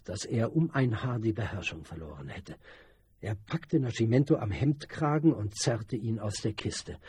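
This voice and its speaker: A man narrating a novel as an audiobook, in an even, measured storytelling manner. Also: fairly low pitch, breathy edge, no echo.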